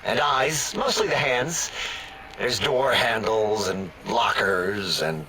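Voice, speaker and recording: A man's voice: on the low side, expressive, slow pace, crowd noise, low-quality recording. An actor voicing a rambling, scatterbrained male scientist in a video game, full of hesitant asides. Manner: meandering, hesitant, with sarcastic asides.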